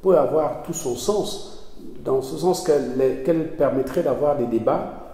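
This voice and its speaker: Warm and mid-range, this essayist's voice moves at a measured pace as he talks in a conversational interview. The Belgian man speaks earnestly yet hesitantly, frequently restarting phrases, picked up distantly in an echoey hall.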